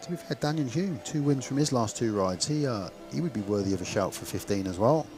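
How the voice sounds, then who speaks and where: This man's mid-range voice has a darkish tone and an expressive, fairly quick delivery, with soft background music. A West Country English speedway commentator and stream host, he rambles informally through live coverage over the noise of an outdoor stadium crowd.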